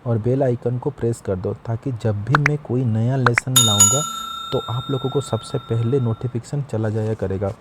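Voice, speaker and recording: A man's voice: medium pitch, fairly even intonation, normal speed, heavy background noise. A man teaching a geography lesson online, explaining step by step in a chatty way and addressing viewers as friends.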